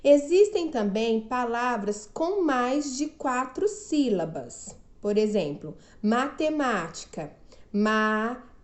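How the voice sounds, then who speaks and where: A woman's voice: fairly high pitch, big pitch swings, a little mellow, echoey room. A woman from Brazil teaching a remote lesson to children, stretching out syllables and often asking "não é mesmo?". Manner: slow, drawn-out syllables, frequent "não é mesmo?".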